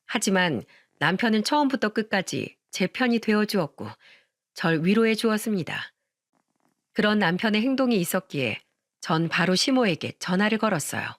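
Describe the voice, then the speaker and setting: A woman narrates a scripted radio story in a steady, expressive way. Her voice sits at a medium pitch. The recording is dry, with no room echo.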